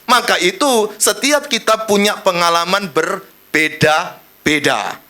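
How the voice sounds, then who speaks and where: Male pastor, high bright voice, playful and dramatic delivery. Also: slow pace. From Indonesia. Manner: joking, dramatic sermon with sudden shifts in pace and loudness. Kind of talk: sermon.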